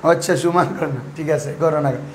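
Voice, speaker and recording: High-voiced man quizzing his pupils. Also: fast talker, a little hiss or hum. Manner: quizzing, repeats questions and has pupils answer. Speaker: teacher of Arabic grammar and Quran recitation rules. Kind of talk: classroom teaching with questions to students.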